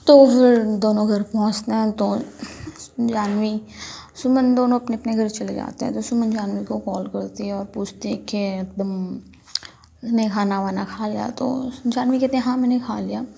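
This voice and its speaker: A woman telling a story in a quick, chatty way, stringing events together loosely. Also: mid-range voice, steady tone, vocal fry, dark tone, dull audio. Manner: quick, chatty retelling with frequent "to" connectors. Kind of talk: casual spoken storytelling.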